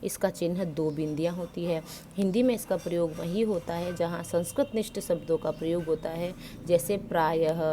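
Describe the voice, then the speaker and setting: A woman with a fairly low, mellow voice teaches grammar to school students, with a slight hiss or hum in the recording. She explains step by step, asks questions and answers them herself, and mixes English words into her Hindi.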